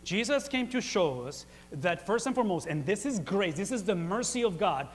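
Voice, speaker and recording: A man preaching a sermon, chatty and full of rhetorical questions, swinging from quiet asides to loud emphatic peaks. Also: high voice, sing-song, normal speed, big-room sound, a little hiss or hum. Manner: conversational, with rhetorical questions and repeated phrases.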